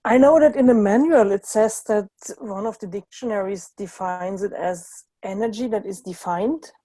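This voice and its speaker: A woman from Germany, a guest on an online talk, explaining things calmly and steadily. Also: mid-range voice, moderate pace, no echo. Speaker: guest facilitator.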